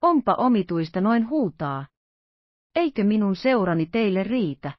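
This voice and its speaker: Suave, mocking gentleman intruder, read by a woman narrator; ironic politeness, dry muffled audiobook. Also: mid-range voice, big pitch swings, dry recording. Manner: smooth, ironic courtesy.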